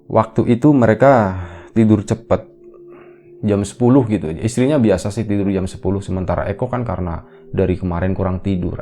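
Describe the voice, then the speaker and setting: A man with an Indonesian accent tells a ghost story in an easy, conversational manner, his voice deep and mellow. Faint music plays underneath. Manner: relaxed conversational storytelling with fillers. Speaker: horror storyteller. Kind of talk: casual retelling of a ghost story.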